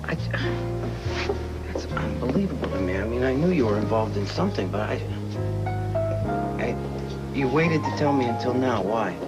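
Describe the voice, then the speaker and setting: An actor plays an incredulous man in a television soap. He questions haltingly in a mid-range male voice, with loud music behind him. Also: mid-range voice, expressive, natural voice, poor audio. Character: incredulous, questioning man confronting a secretive friend. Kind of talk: soap opera dialogue.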